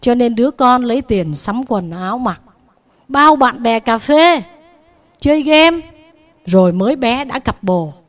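A woman preacher, a Buddhist nun, tells a moral story to a group of children. She is animated and lets her voice rise and fall in both pitch and loudness. Her voice sits fairly high. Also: a little slow.

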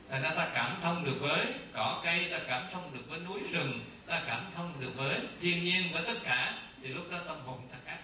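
A man, a Buddhist monk, giving a slow dharma talk, repeating phrases and posing rhetorical questions to his listeners. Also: fairly high pitch, sharp tone, slight background noise. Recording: very echoey distant room sound, faint ambience.

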